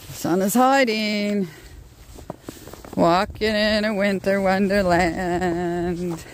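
A woman's voice: mid-range voice, fairly even intonation, takes it slowly, a little hiss or hum. An older woman from Canada talking casually into her phone while filming, chatting to her cat and her viewers. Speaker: vlogger. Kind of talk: casual everyday vlog. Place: home indoors, then outdoors in snow and in a vehicle. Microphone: handheld phone.

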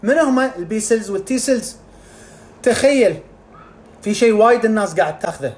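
A man explains health topics in a lively, casual way and speaks at a brisk clip. He acts out little scenes with sound effects as he goes. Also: high voice. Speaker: integrative medicine specialist.

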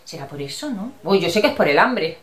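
A woman's voice: fairly low pitch, sing-song, brisk, a bit bright. A chatty, affectionate middle-aged woman from Spain, casually answering her viewers, with a Spanish accent that slips into Andalusian at times. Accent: Spanish from Spain, with Andalusian touches. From Barcelona, Spain. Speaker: vlogger answering viewer comments. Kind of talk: casual chat. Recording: roomy echo.

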